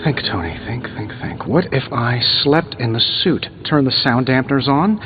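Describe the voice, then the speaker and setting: A man's voice: medium pitch, lively intonation, moderate pace, lo-fi sound, music in the background, natural voice. A man playing a cocky, wisecracking genius inventor superhero in a video game, with a glib, sarcastic delivery. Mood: musing, fretful. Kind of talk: video game dialogue, quippy banter.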